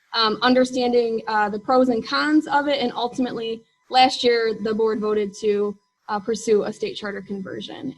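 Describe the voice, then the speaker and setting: A woman's voice: fairly high pitch, rough recording. A woman presenting informally at a meeting as its chief executive, hesitating often with ums. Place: meeting room.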